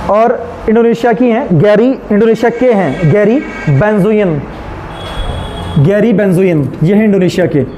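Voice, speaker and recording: An Indian man teaches a class in a notably high, mellow voice. He dictates notes piece by piece, repeating phrases and slipping in English terms. There is faint noise behind him. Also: moderate pace, low-quality recording. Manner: mixes Hindi with English terms; asks questions and answers them himself. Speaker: teacher of a current affairs exam class.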